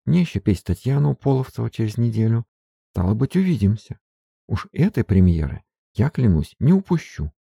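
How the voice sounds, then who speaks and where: A man voicing a young lady singer who speaks softly but firmly. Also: lowish voice, very animated, brisk, vocal fry, husky, dry recording, studio quality, pitched above the performer's own voice, exaggerated voice. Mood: tender.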